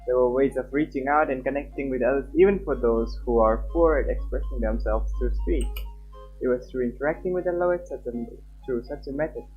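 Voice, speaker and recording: A young male livestreamer at an everyday pitch chats briskly and loosely, repeating himself while reading visual novel text aloud. His dull, lo-fi mic picks up the game's background music playing behind him.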